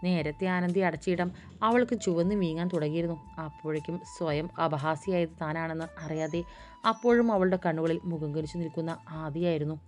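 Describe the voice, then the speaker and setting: Woman narrating a romance, low voice. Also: brisk, a little mellow, soft background music. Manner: acts out dialogue with raised pitch and force. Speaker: storyteller. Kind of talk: scripted narration of a romance audiobook.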